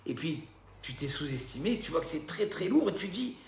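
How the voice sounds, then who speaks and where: A man leads a recorded religious lesson, speaking directly to his audience and peppering it with rhetorical questions. His voice sits a little high with a gravelly edge. The room gives it a noticeable echo. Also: normal speed. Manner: lively, addresses listeners directly with rhetorical questions. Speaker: religious teacher. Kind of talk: recorded Torah class lecture.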